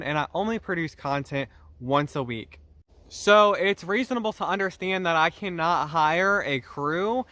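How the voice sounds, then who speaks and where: A young man talks straight to the camera about his own channel, earnest and a little defensive as he explains himself. His voice sits a bit high for a man and has a bright, forward edge. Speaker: YouTube channel host. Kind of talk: direct-to-camera vlog talk.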